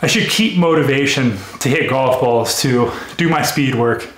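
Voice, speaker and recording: A man's voice: medium pitch, moderate pace, a bit bright, reverberant. A man explaining his workout between sets in a casual training vlog, out of breath and using a lot of fillers. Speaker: golf speed trainer. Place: small gym room.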